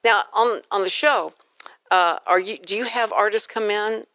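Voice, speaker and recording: A radio show host conducts a casual interview in a studio, chatting and poking fun at herself as she rambles through her questions close to the mic. Her voice is medium-pitched and fairly bright, at a normal speed, with no room sound.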